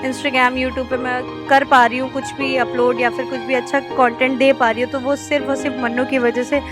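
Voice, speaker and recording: A woman's voice: sits high, little pitch movement, moderate pace, rough recording. A young woman from India narrating her vlog in a heartfelt, chatty way, mixing English words into her talk. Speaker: vlogger. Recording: voice over loud background music.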